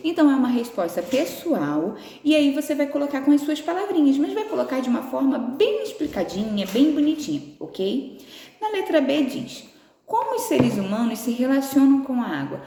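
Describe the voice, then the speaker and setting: A fairly high-voiced Brazilian woman talking a class through its exercises with a lively, up-and-down pitch. She explains step by step and softens her words with affectionate little forms. The voice rings out in a roomy space with a long echo trailing behind it. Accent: Brazilian Portuguese. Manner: patient, explains slowly, affectionate diminutives. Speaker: teacher. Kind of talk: remote class lesson. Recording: echoey room with long reverb.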